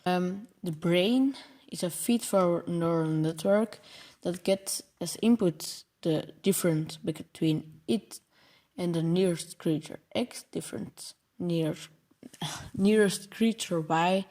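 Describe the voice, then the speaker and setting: A programming channel host, a young Belgian man whose native language is Dutch, explains his coding project with slides, stumbling over long words in his Belgian Dutch accent. His voice is high-pitched and darkish, and he takes his time.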